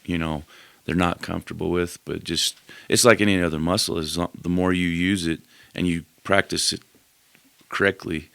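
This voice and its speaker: A man with a very low, gravelly voice talks in a relaxed, rambling way. He sounds like a musician guest on a podcast. The sound is dry and close, with no room around it. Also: normal speed, dry recording. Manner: relaxed, rambling, full of fillers. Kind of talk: casual interview chat.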